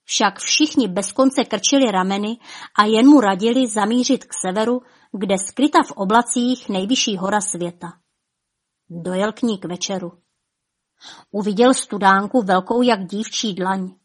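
A woman reads a fairy tale aloud in a rhythmic, theatrical way. Her phrases rise with tension and then sink to soft, hushed endings. Her pitch sits in an ordinary middle range. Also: breathy edge. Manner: rhythmic, dramatic delivery with soft drops. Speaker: storyteller. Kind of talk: expressive fairy-tale reading.

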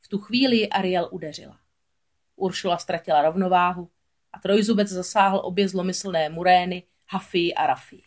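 A woman narrating a children's storybook aloud in a steady, expressive voice. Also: fairly low pitch.

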